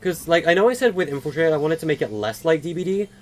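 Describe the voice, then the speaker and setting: Quick-paced and sing-song, this eighteen-year-old man's voice sits on the high side as he streams a game live. He answers viewers in rambling, casual chat, stumbling through frequent fillers and stutters.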